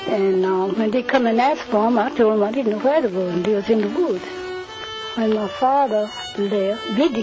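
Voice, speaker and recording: Elderly woman, old 1941 archive recording, halting oral history, repeats phrases, muffled lo-fi sound, music underneath. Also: fairly high pitch. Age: older. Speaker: interviewee.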